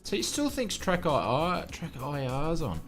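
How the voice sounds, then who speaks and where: An Australian man talks casually to his stream viewers, joking at his own expense. His pitch swings up and down a lot. Soft music plays faintly behind him. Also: wildly swooping pitch, measured pace. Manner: chatty, self-mocking, often laughing. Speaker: flight sim streamer. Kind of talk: casual live-stream chat.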